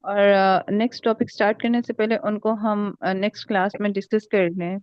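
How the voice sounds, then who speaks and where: A woman student on a video call politely asking for practice exercises, speaking in a measured way. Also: medium pitch, little pitch movement, a little mellow, smooth, no room sound, muffled recording. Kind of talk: making a request in online class.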